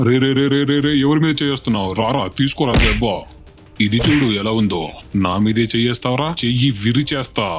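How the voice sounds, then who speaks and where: A man voicing game characters with a commanding, mock-heroic delivery. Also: mid-range voice. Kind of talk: Telugu game dub role-play. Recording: game dub over background music.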